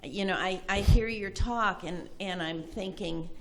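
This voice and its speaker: A woman's voice: mid-range voice, measured pace, a little hiss or hum. A woman in the audience of a lecture hall, asking a question from the floor in an earnest, admiring way.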